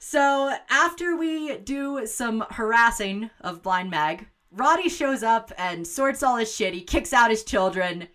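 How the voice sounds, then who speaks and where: A woman hosting a casual watch-along podcast, recapping a film and reading out trivia questions in an animated, laughing manner. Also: on the high side, unhurried, few pauses. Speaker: podcast host.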